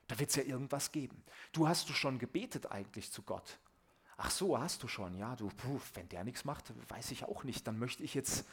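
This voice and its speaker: Male preacher voicing a hesitant, mumbling Jesus parody, pitched low and soft. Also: animated, moderate pace, breathy edge. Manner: hesitant, mumbling, full of fillers. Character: dithering, overcautious Jesus, grown man, parody.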